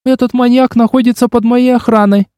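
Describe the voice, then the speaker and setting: A man's voice: extremely high pitch, fairly even intonation, fairly quick, warm tone, dry recording, studio quality, pitched above the performer's own voice. A man reading an audiobook, voicing a bossy young woman, the narrator's protective younger sister. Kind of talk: audiobook character voice.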